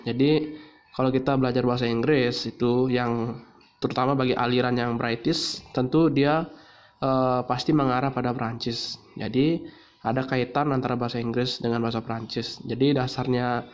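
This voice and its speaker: A man's voice: mid-range voice, muffled recording. Hesitant man giving a casual lesson. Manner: hesitant, many fillers and restarts. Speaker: English tutor.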